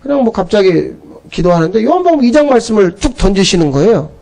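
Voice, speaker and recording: A male pastor with an unusually high voice delivers a Sunday sermon. He tells scripture as a story, dropping into quoted lines and swinging his tone up and down to act out the characters. He sounds middle-aged and speaks with a preacher's storytelling drive. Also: sing-song, fast talker, creaky, mellow. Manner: storytelling preacher who acts out biblical dialogue in shifting voices.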